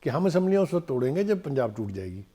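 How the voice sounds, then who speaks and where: A man from Pakistan, a guest political analyst on a studio talk show, speaking in a measured way that turns emphatic. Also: a little high, very animated, warm tone. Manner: measured, emphatic, teasing at times.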